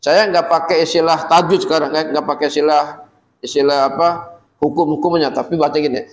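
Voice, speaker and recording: A man teaching Quran recitation rules to a class of women, patiently quizzing them and chanting the verses slowly. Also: fairly high pitch, steady tone, rough recording.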